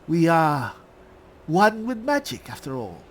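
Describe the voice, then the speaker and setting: A man voicing an elderly male high elf spellsword in a game roleplay, speaking with genteel, self-assured courtesy. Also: huge pitch swings, unhurried, heavily acted, poor audio.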